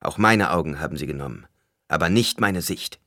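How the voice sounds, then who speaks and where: A man's voice: rumbling low, lively intonation, brisk, a bit bright, no echo, clean studio sound, heavily acted. A male reader voicing a blinded young male leader in an audiobook, speaking firmly and with command. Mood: calm assurance. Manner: raised, commanding, firm. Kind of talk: audiobook character voice.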